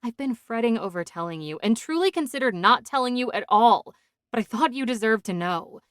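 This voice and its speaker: A man voicing a young pregnant woman in an audiobook, soft and shaky at times, then firm and scolding. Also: extremely high pitch, expressive, a little fast, clear, resonant tone, no room sound, studio quality, voice pushed up. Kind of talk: audiobook character voice.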